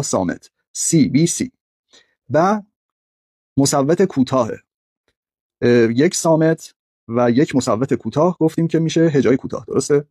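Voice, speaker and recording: A man's voice: medium pitch, warm tone, husky, no room sound, clean studio sound. A man teaching a literature lesson over slides, methodically breaking words into syllables.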